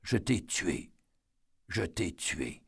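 An older veteran speaking slowly and precisely, soft and careful with his words, as a male narrator plays him. The voice stays close to the reader's own fairly low register, in a storybook reading. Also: animated, no room sound, full character voice. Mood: anguished. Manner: slow, precise, softly spoken. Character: older man, gentle, haunted war veteran.

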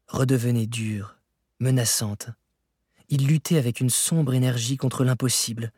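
A man reading a classic novel aloud as scripted narration, measured and expressive. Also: medium pitch, breathy edge, no room sound, studio quality. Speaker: audiobook reader.

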